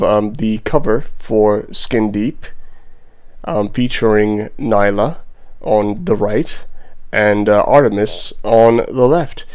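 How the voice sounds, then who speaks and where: A man's voice: fairly low pitch, darkish tone, smooth. A man with a Bermudian accent giving casual, rambling vlog commentary as an artist, in a laid-back, self-deprecating way. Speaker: digital artist and vlogger.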